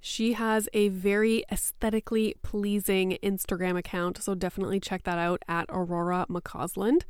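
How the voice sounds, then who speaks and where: Slightly congested woman podcast host, smooth and chatty. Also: medium pitch, level tone, moderate pace, no echo, studio quality. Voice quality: slightly congested, stuffy-nosed sound from a cold. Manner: chatty, informal, candid. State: sinuses a bit plugged after a cold. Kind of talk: casual podcast monologue.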